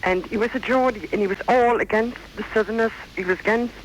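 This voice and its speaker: A woman of about fifty, chatting with a radio host. She rambles and hesitates, with many fillers. Her voice sits high, with a faint hiss behind it. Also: fast talker, rough recording. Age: around 50. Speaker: radio caller. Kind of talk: radio phone-in chat.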